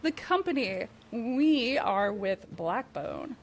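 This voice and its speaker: A woman with a slightly high voice hosts a live game stream. She talks slowly and at ease while she plays. She giggles often and explains things as she goes. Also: very animated, slight background noise. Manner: giggly, easygoing, unhurried. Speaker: stream host.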